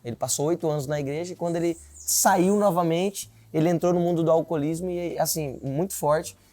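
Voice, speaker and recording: A man's voice: fairly high pitch, fairly quick, dark tone, no echo, faint music behind. A man in his twenties, a city council candidate, earnestly telling his life story in an interview, often adding filler tags. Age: 20s.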